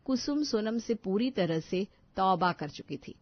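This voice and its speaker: A woman narrating a bedtime story in a calm, even storytelling manner, on a dull, dry recording. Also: mid-range voice, measured pace, no room sound.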